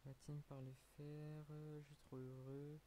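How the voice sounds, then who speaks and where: A man's voice: fairly high pitch, little pitch movement, measured pace, dark tone, slight background noise. A man with a French accent, a streamer chatting casually on a live stream, rambling with many fillers, a little tired.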